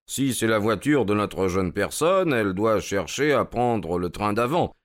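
Man playing a brisk detective, impatient, commanding, urgent, audiobook story. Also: on the low side, lively intonation. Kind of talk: audiobook character reading.

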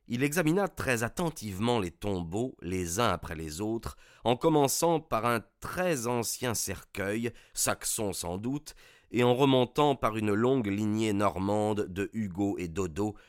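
A man reads a classic detective tale in a measured, suspenseful way. His voice sits low and the recording is dry and close, with no room sound around it. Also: no echo. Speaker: narrator. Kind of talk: scripted narration of a detective story.

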